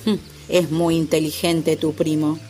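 A woman's voice: low-pitched, unhurried, soft background music. A woman voicing a cheerful, teasing male elephant in a storybook. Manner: teasing, lively.

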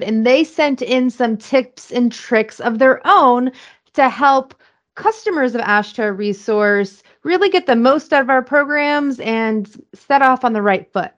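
A woman with a somewhat high voice, co-hosting a podcast in a friendly, conversational way. The sound is a little dull and lo-fi. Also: animated, unhurried. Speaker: podcast co-host. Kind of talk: casual podcast talk.

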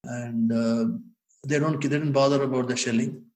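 An older man with an Indian accent telling memories in an animated, emphatic, conversational way, often addressing the listener as sir. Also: mid-range voice, normal speed, low-quality recording. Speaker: former bank inspector telling memories. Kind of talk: conversational storytelling.

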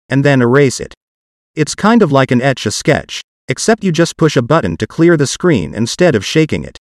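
A man's voice: medium pitch, no room sound, clean studio sound. A man's computer-generated voice, like an old speech synthesizer, hosting a podcast with scripted, machine-like narration. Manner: evenly articulated, machine-like reading. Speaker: podcast host.

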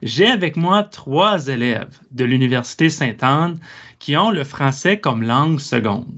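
A man hosting a discussion, asking students measured, inviting questions. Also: mid-range voice, lively intonation, a bit bright. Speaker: host. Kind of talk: hosted discussion. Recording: dull lo-fi sound.

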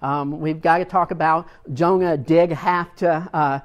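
A man's voice: a little high, steady tone, a little slow. A male pastor preaching a sermon, telling a personal story in an earnest, storytelling manner, often repeating words as he gets moved.

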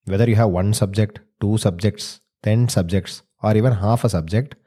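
A man's voice: fairly low pitch, normal speed, warm tone. A man with a South Indian accent who hosts and tells stories in Indian English phrasing. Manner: uses Tamil words and Indian English phrasing. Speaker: host and storyteller. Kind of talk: scripted storytelling and playful family dialogue.

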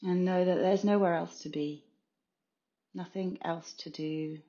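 This meditation guide and consultant has a mellow, lowish voice with fairly even intonation and an unhurried pace. She soothingly leads a yoga nidra session in brief phrases with spaces between them, captured on a slightly muffled recording.

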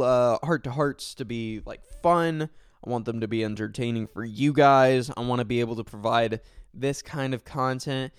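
A man's voice: mid-range voice, smooth, no echo, clean studio sound. A man hosting his own podcast, talking casually and sincerely in a rambling way, full of fillers and self-corrections. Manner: sincere and thankful. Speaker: podcast host. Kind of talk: casual solo podcast talk.

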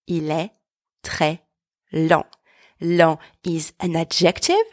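A woman in her thirties hosting a podcast pronunciation lesson, speaking clearly and patiently and slowing down to model each word. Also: fairly low pitch, no room sound, clean studio sound. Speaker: French teacher and podcast host.

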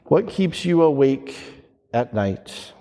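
A priest reading the Gospel and preaching in a slow, measured liturgical manner, his voice carrying a long cathedral-like echo. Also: a little high, sing-song, mellow. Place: large church. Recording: church hall with long reverb.

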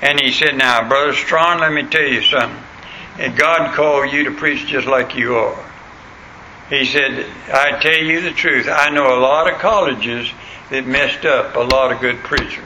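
A man's voice: medium pitch, moderate pace, bright, forceful tone. A man with a rural American accent and a plain, untrained country voice, preaching a folksy sermon with stories, scripture and questions to his listeners. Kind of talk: sermon with anecdotes and scripture reading. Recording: clearly noisy recording.

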